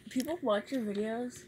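A teenage girl playing a game with her sister, playful and quick to laugh. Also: on the high side. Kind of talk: casual gameplay chat. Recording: loud background noise, clicks.

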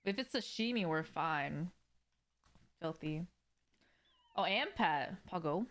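Speaking slowly in a lowish, fairly bright voice, this young woman sounds animated as she games on a livestream from home. She keeps things conversational, addressing her audience directly in relaxed chatter.

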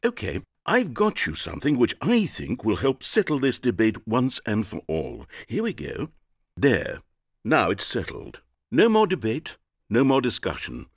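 The Narrator, a sardonic storyteller. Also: male voice, mid-range voice, wildly swooping pitch, a little slow, husky, no echo, heavily acted. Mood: mock dramatic. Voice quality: dry, mocking delivery. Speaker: game narrator. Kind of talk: scripted video game narration.

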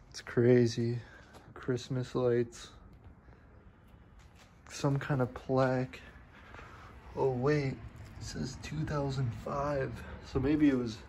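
Man, urban explorer, low-key curious commentary, slow pace, mellow tone. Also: a little hiss or hum, rough recording. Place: abandoned farmhouse and yard, indoors and out. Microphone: handheld phone camera.

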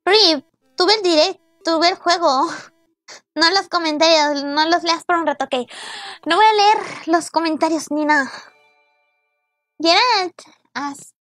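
High-voiced playful woman streamer. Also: a little slow, a bit bright, no echo, studio quality, faint music behind. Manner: playful, teasing, mock-exasperated, thanks viewers by name. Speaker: VTuber streamer. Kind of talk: live gaming stream chat.

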